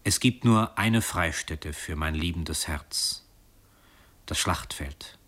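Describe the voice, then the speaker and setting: Man playing a devoted young nobleman, hushed, earnest, yearning, very low voice. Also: slow pace.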